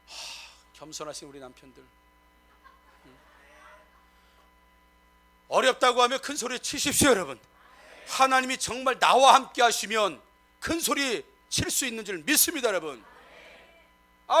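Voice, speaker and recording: A middle-aged male pastor preaching a sermon, emphatic and rising to loud exclamations as he keeps addressing the congregation. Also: extremely high pitch, very animated, moderate pace, long pauses.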